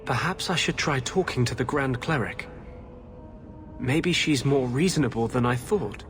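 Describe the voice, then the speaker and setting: A man's voice: mid-range voice, measured pace, a bit bright, soft background music, lightly acted. Man as an earnest, brooding rebel mage. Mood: subdued, troubled. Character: earnest, troubled rebel mage, intense and idealistic. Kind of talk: video game voice acting.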